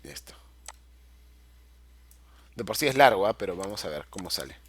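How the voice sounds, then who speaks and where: A man's voice: low-pitched, big pitch swings, moderate pace, husky. A middle-aged man teaching a video-editing class, patiently explaining each step and checking in often with his students. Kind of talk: screen-recorded software tutorial.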